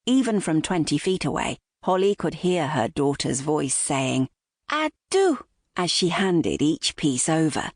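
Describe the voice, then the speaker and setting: A woman reads a novel aloud in a measured, expressive storytelling manner. Her voice sits low and moves with lively intonation. The recording is dry and close, with no room sound. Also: dry recording. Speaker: audiobook narrator. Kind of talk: scripted narration.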